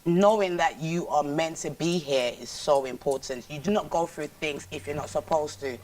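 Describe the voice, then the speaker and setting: A woman's voice: low-pitched, normal speed, a little mellow, far from the mic. A woman from Nigeria who is an actress guest on a talk show. She speaks earnestly and in a motivational way. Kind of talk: casual chat.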